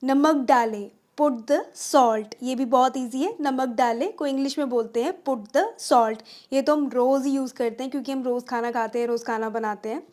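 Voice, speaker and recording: A woman teaching spoken English, saying each phrase slowly and repeating it for learners, with chatty asides in between. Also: sits high, steady tone, a little mellow. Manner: slow, drawn-out repetition of phrases for learners.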